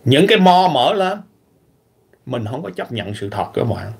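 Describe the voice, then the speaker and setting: A man from Vietnam, talking animatedly in a casual opinionated vlog, clearing his throat often. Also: mid-range voice, sing-song, unhurried. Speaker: vlogger.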